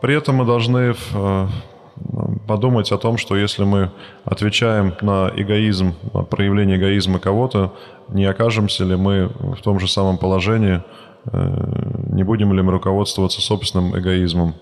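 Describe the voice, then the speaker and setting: Low-voiced guy interpreting a lecture, lots of ums, hall echo. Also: steady tone, moderate pace, creaky. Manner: hesitant, many fillers and restarts. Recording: long hall reverb.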